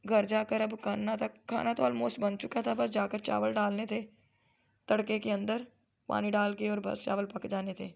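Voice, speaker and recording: Flat, gravelly Lahori woman vlogging. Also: mid-range voice, normal speed. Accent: Lahori Punjabi. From Lahore, Pakistan. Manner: chatty, slips into Punjabi phrases. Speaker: family vlogger and mother. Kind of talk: casual vlog voice-over narration.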